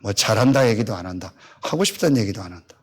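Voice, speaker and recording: A man's voice: on the low side, fast. A pastor in his fifties telling a personal story in a sermon, acting out the back-and-forth of conversations in a blunt, colloquial way. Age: 50s. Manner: animated storytelling, acting out both sides of conversations.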